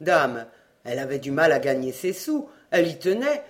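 A reader narrating a children's adventure novel in a measured, lowered storytelling voice. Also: very animated. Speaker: audiobook reader.

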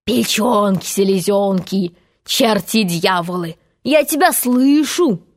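A woman's voice: mid-range voice, animated, takes it slowly. A woman voicing a cocky magical boy in a storybook reading, who taunts a pirate in a mocking, boastful way.

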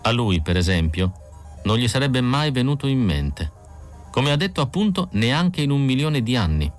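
A man's voice: medium pitch, sing-song, moderate pace, faint music behind, voice pushed up, lightly acted. A man reading an audiobook voices a cold, scornful female android fugitive in an icy, hostile manner. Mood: cold contempt.

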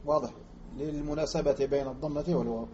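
A man from Algeria teaching Arabic morphology as a lecture, repeating example words slowly and quizzing his listeners. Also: a little high, fairly even intonation, mellow, slight background noise. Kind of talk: classroom lecture explaining grammar. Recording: muffled lo-fi recording.

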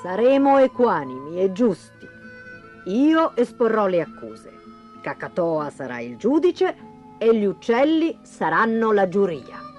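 A woman voicing a pompous pelican acting as prosecutor, speaking slowly and solemnly. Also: medium pitch, big pitch swings, darkish tone, muffled recording, faint music behind. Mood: solemn accusing. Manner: slow, solemn and accusing.

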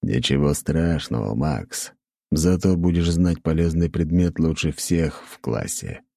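A man reading a calm schoolboy friend who soothes and encourages, in an audiobook. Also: extremely low pitch, unhurried, gravelly, no echo, exaggerated voice. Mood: reassuring.

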